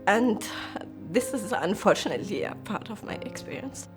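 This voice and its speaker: A woman from Germany speaking heartfelt and emotional in a documentary interview, with soft laughs. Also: medium pitch, lively intonation, moderate pace. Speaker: interviewee, climber. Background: background music.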